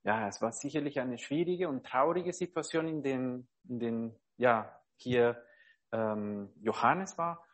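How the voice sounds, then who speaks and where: A man giving an informal devotional sermon, earnest and halting, often searching for words and checking in with his listeners. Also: mid-range voice, expressive. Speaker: preacher.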